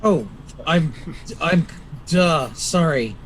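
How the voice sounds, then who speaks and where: A man chatting casually as a player in a tabletop game, halting as he thinks aloud. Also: on the high side, expressive. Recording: faint background noise.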